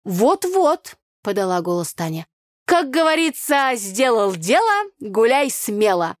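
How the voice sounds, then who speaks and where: A woman's voice: medium pitch, sing-song, unhurried, no room sound, clean studio sound. A woman voicing a brash, chatty village girl who speaks in folk sayings. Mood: boisterous. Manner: brash, loud, chattering in proverbs.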